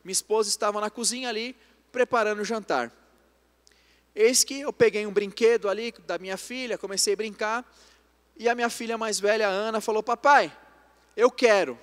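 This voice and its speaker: A man's voice: high voice, steady tone, brisk, clear, resonant tone. A young man preaching in Brazilian Portuguese, telling family stories to the congregation. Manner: storytelling, addresses congregation as brothers. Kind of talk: sermon. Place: church. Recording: long church reverb.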